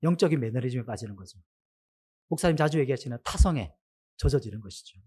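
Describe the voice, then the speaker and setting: A man's voice: medium pitch, fast talker, husky. A man preaching a sermon to his congregation, asking them many questions. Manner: asks the congregation many questions, animated rise and fall.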